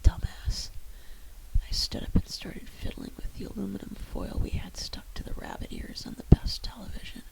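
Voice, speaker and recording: A woman's voice: fairly quick, hardly any pauses, rough recording. A woman narrating a story in the first person with wry storytelling, in a whispered role-play.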